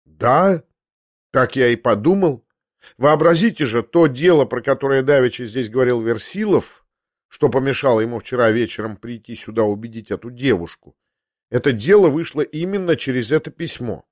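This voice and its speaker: A cheerful, sincere young man speaks earnestly and with animation, read by a man. The voice sits at a middle pitch and sounds dry and close, like a storybook read aloud. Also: moderate pace, darkish tone, dry recording, close to an everyday voice. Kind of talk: audiobook character reading.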